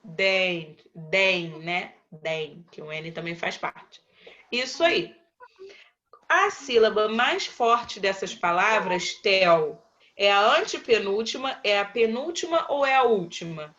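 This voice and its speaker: Uma professora brasileira dando aula por videochamada, com voz viva e clara. Ela fala bem devagar e repete cada resposta com paciência. O som da chamada chega abafado. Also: female voice, mid-range voice, big pitch swings, fairly bright tone, highs cut off, slight background noise. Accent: Brazilian Portuguese. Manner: patient, slow, calls on pupils by name and repeats answers. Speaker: primary school teacher. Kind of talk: online class, quizzing pupils.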